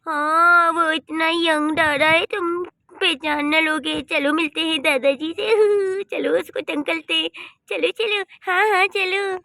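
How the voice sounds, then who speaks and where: A woman voicing a cheeky, excited grandchild in a cartoon. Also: very high voice, takes it slowly, gravelly, dry recording, clean studio sound, heavily acted. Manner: giggly, excited.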